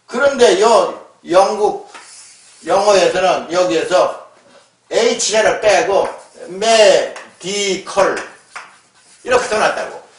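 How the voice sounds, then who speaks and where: High-voiced man lecturing in an echoey room. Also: takes it slowly. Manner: emphatic, scolding, with frequent rhetorical "eh?" tags. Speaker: lecturer on word origins. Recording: echoey room, voice far from mic.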